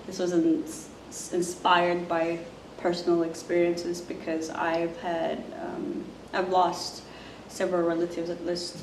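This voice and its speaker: A musician from Zimbabwe gives a casual self-introduction to camera, speaking softly and haltingly with many ums filling her pauses. Her low, mellow voice has little rise and fall, and her delivery is completely flat. The recording is roomy and echoey, with a distant mic and faint hiss.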